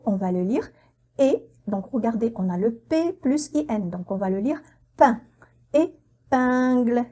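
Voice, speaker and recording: A woman teaching French pronunciation, spelling out words letter by letter and repeating each one slowly and carefully. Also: fairly high pitch, warm tone. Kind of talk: slow, careful pronunciation lesson.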